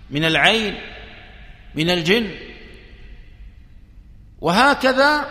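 High bright preacher in an echoey hall. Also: male voice. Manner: slow, emphatic, counting points one by one. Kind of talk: religious sermon. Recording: echoey hall with long reverb.

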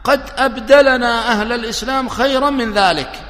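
A man preaching a religious sermon, slow and emphatic, counting his points one by one. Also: extremely high pitch, fairly bright tone. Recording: echoey hall with long reverb.

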